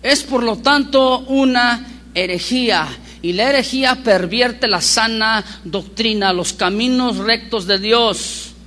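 High-voiced, animated pastor preaching. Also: male voice, slow. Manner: animated storyteller with rhetorical questions. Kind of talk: sermon.

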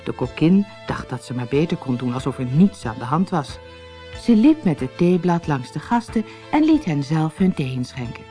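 A woman narrating a children's fairy tale in an expressive storybook reading. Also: sits low, moderate pace, faint music behind. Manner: expressive, lively.

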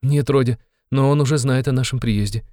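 A man reading an audiobook, voicing a timid, tearful elderly mother in a high, quavering, pleading voice. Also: fairly quick, dark tone, no room sound, clean studio sound, natural voice. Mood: pleading, fearful. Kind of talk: audiobook character voice.

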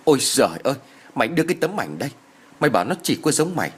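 A man's voice: mid-range voice, big pitch swings, brisk, slightly rough. A man voicing a distraught older village mother who wails and scolds. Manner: wailing and scolding.

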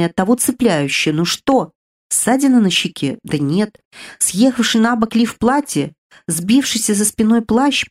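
Brief: female audiobook narrator, first-person fantasy, measured and expressive. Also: a little high.

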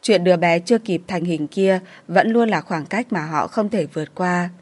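Female audiobook narrator, lower register, steady romance storytelling. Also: normal speed.

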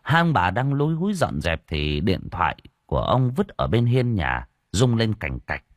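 A man narrating an audiobook story in an expressive telling. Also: on the low side, normal speed, no room sound, clean studio sound. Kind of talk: scripted narration.

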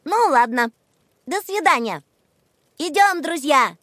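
Man voicing a shrill stubborn puppet boy, slow drawn-out calls. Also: animated, no echo, clean studio sound, heavily acted. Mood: calling. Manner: calling out loudly.

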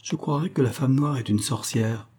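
A man's voice: medium pitch, normal speed, a little mellow, breathy edge, pitched above the performer's own voice, natural voice. A man voicing a wry, skeptical magistrate.

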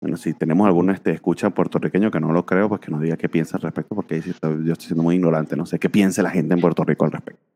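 A man's voice: sits low, steady tone, very fast, mellow, in a large hall. A man co-hosting a casual podcast about comic books, rambling with many fillers. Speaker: podcast co-host.

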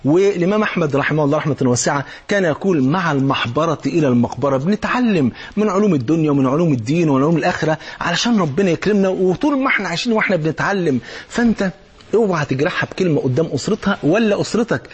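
Man, Egyptian accent, preacher, raspy breathy voice, rapid-fire delivery, coaxing rhetorical questions. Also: a little high. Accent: Egyptian Arabic. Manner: animated, acts out little dialogues, coaxing rhetorical questions. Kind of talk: colloquial religious advice talk.

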